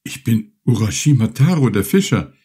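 A man's voice: fairly low pitch, expressive, a little slow, dark tone, slightly rough, voice pushed up, heavily acted. A man voicing a lost, despairing young male fisherman who speaks in a raised, pleading voice.

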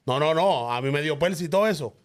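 A man telling a story in an animated, joking way as a podcast co-host. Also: fairly high pitch, fast talker. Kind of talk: casual storytelling.

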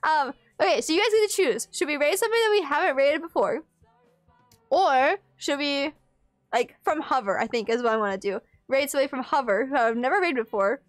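Young woman streaming, really high voice, chatty and giggly, dry room sound, music behind. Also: animated, brisk, no room sound. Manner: playful, giggly, exclamatory. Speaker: live streamer. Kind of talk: casual livestream chat with viewers. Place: small room at home, indoors.

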